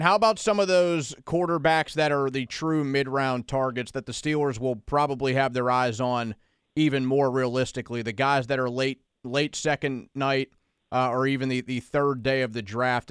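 A man co-hosting a sports radio show, asking a guest questions and trading dry, low-key asides in the studio. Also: fairly even intonation, moderate pace, fairly bright tone, clean tone, dry recording. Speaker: radio co-host. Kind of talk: casual studio banter.

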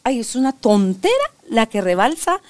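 Emphatic older woman, bright lively storytelling. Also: on the high side. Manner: animated, emphatic storyteller with quick asides. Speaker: grandmother sharing relationship advice. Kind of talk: casual interview conversation.

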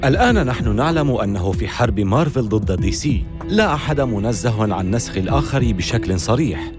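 A man's voice: medium pitch, animated, fairly quick, over music. A man reading scripted documentary narration with a dramatic, storytelling delivery.

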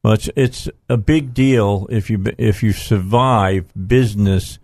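A man's voice: fairly low pitch, measured pace, a little mellow, dry recording. Male radio host, dry studio sound. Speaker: radio talk show host. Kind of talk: casual live radio conversation.

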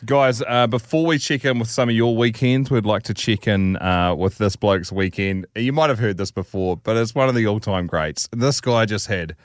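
A man's voice: lowish voice, moderate pace, hardly any pauses, dry recording, studio quality. A man with a New Zealand accent hosting a radio show in casual, blokey banter full of laid-back slang.

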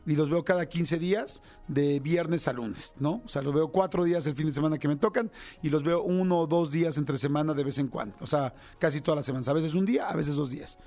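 A middle-aged Mexican man with a Mexican accent, a radio host chatting casually with quick asides. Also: a little high, warm tone. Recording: radio broadcast with music bed.

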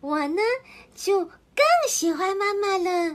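A woman's voice: very high voice, slow pace, voice pushed up. A woman voicing a small child who adores its mother, speaking in an earnest, childlike way. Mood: earnest, sweet. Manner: sweet, earnest childlike telling.

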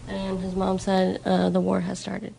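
A woman's voice: medium pitch, monotone, a little slow, vocal fry, warm tone, slight background noise, rough recording. A woman working as a live interpreter, translating a man's words into English in loose, casual phrasing full of "like" and "um.". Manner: loose conversational phrasing with frequent "like" and "um".

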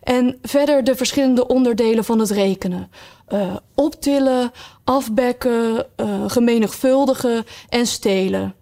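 Sighing sea creature, male, self-pitying, slow and drawn out, raised pitch, as a woman reads him. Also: gravelly, mellow. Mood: mournful. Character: mournful sighing male Mock Turtle.

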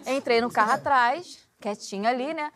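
A woman with a Rio de Janeiro accent telling a story in a casual podcast chat, animated and acting out the voices of the people she quotes. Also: high voice, normal speed, a crowd in the background. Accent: Rio de Janeiro Portuguese. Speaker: guest storyteller.

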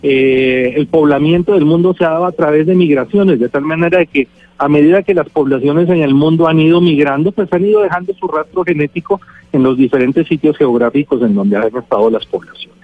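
Speaking briskly in a fairly high voice, a man with a Colombian Spanish accent explains his subject as an expert radio guest, emphatic and full of everyday examples. There's no echo, but the line is narrow and phone-like, with music.

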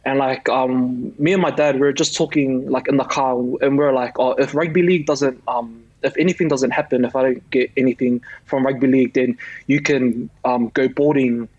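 A man's voice: mid-range voice, moderate pace, no room sound, dull audio. A young man from New Zealand, a rugby league player, chatting casually in an interview with lots of fillers. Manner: relaxed, many fillers and likes.

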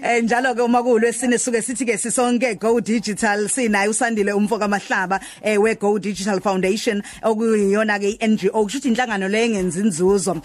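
A woman's voice: medium pitch, steady tone, fast talker, few pauses. A woman with a Zulu accent presenting a radio show in a conversational style as host.

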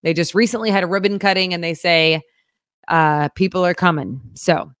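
A woman co-hosting a casual local news show, chatting in an upbeat, animated way. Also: fairly low pitch, normal speed, smooth, dry recording, clean studio sound.

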